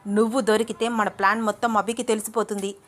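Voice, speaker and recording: A woman voicing a jealous, hot-tempered young woman who scolds and shouts in a raised voice. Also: on the high side, moderate pace, pitched above the performer's own voice, lightly acted. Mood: angry.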